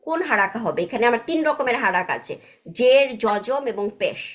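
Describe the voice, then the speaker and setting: A woman's voice: on the high side, animated, brisk. A woman teaching Arabic grammar in an online class, patiently checking understanding with frequent tag questions and mixing English words into her explanations.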